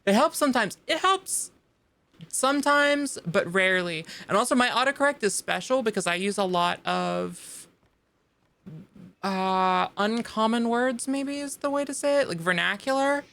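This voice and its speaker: A woman's voice: medium pitch, moderate pace, vocal fry, fairly bright tone. A woman streaming a video game live, chatting casually and rambling to her viewers, with many fillers and restarts. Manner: talks straight to her live chat. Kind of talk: casual chat while playing a video game.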